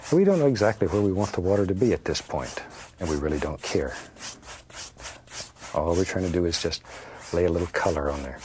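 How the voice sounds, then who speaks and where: A man giving an unscripted painting demonstration as a gentle, soothing instructor, folksy, playful and unhurried in his encouragement. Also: deep voice, noisy background. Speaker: painting instructor, show host.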